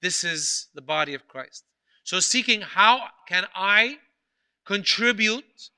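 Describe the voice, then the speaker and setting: A priest delivering a sermon in a high, bright voice with a crisp, smooth tone. He tells a story earnestly and leans on repeated phrases for emphasis. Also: expressive, takes it slowly.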